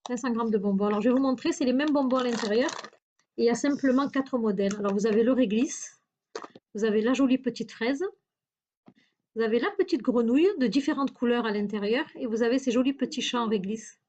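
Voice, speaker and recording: A woman's voice: fairly high pitch, brisk, a little mellow, dull audio, a little hiss or hum. A woman chatting through a shopping haul video, hesitant and searching for words with many fillers. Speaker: YouTuber showing a shopping haul. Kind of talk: casual haul video chat.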